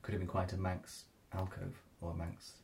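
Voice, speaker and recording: Male interviewer: low voice with fry, thoughtful, measured phrasing, slight background rumble. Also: monotone, a little mellow. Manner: measured, tentative, careful phrasing. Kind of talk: thoughtful local history interview. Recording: faint noise with low rumble.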